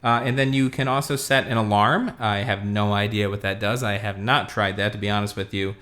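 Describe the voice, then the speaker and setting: Low-ish voiced dude walking thru a gadget demo, lots of uhs, chill. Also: male voice, brisk. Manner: relaxed, lots of fillers, talks while demonstrating. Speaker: tech reviewer. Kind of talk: casual product review walkthrough.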